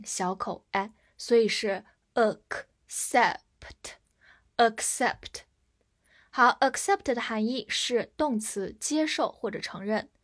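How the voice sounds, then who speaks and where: Woman, vocabulary teacher, somewhat high voice, slow deliberate spelling and repetition. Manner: slow, careful spelling of words letter by letter; has learners repeat after her. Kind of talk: recorded vocabulary lesson.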